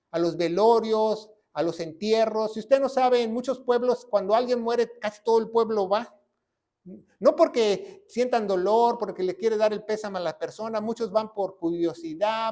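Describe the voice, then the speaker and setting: A man preaches a sermon in a notably high voice. He tags his points with rhetorical questions and lifts into sudden loud emphasis. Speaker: pastor.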